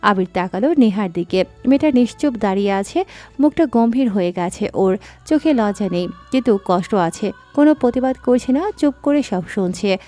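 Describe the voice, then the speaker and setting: A woman narrating a scripted audio story in a steady, dramatic reading style. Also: mid-range voice, moderate pace, soft background music.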